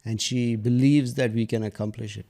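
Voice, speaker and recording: A man, a podcast guest telling personal stories in a hesitant, reflective way that trails off into soft asides. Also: medium pitch, steady tone, moderate pace. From India.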